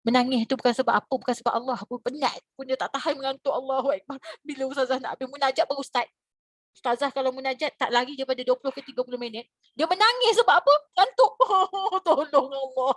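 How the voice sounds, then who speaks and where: Animated Malaysian woman preacher. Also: racing, dry recording. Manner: animated, rhetorical questions, sudden high exclamations. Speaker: religious teacher. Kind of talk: lively religious lecture. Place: lecture hall.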